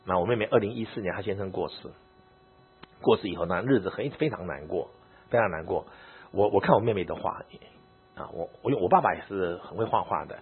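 A man who is a pastor, telling a personal story in a sermon in an animated, emotional way. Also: low-pitched, a little fast, breathy edge. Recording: narrow phone-like audio.

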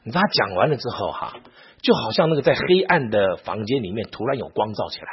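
A church elder tells a story in a sermon. He is animated, acts out quoted speech and often restarts his sentences. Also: fairly low pitch, quick pace, husky. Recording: muffled lo-fi recording.

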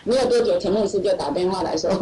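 A woman's voice: mid-range voice, expressive, fairly quick, over a noisy crowd. A middle-aged woman tells her faith testimony to a church gathering. She talks animatedly, laughs often and acts out the voices of other people. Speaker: church member giving testimony. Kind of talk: personal testimony storytelling. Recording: echoey hall, far from mic, loud audience.

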